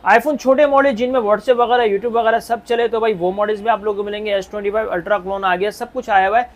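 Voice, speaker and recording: A man's voice: high-pitched, fairly even intonation, quick pace. A man with a Pakistani accent hosting a casual promotional interview, giving brief prompts and echoing prices. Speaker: video host.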